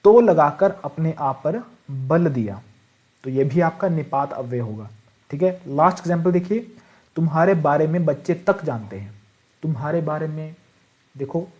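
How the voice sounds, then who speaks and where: A male teacher with a slightly high but mellow, warm voice gives an online exam-prep grammar lesson. He writes on a board as he explains. He keeps asking rhetorical questions and checks in with the class after each point. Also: highs cut off. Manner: repeats rhetorical questions and "ठीक है" to check understanding.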